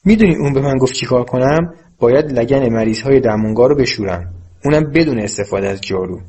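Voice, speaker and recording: A man's voice: mid-range voice, a little mellow, breathy edge, natural voice. A man voicing an angry teenage boy who speaks in a raised, indignant outburst in an audiobook reading. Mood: furious. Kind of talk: audiobook character voice.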